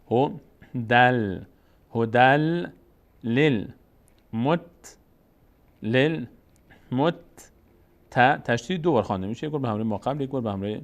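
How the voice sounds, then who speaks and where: Patient man teaching Quran reading. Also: mid-range voice. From Tajikistan. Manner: explains rules patiently, then slowly sounds out each syllable. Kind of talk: step-by-step recitation lesson.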